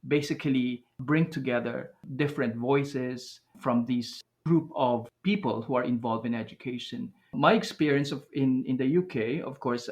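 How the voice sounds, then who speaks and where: In a podcast interview, a guest researcher from the Philippines, whose first language is Aklanon, speaks thoughtfully in a mid-range voice. His speech has many fillers and restarts.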